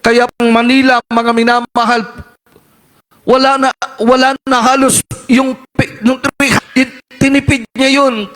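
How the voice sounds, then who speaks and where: A man preaching in a very high voice, well above the usual male range. He tells the story dramatically, keeps calling his listeners beloved, and builds to shouts at the climaxes. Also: level tone, unhurried. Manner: dramatic, keeps addressing the congregation as beloved, climbs to shouts at peaks. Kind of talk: storytelling sermon.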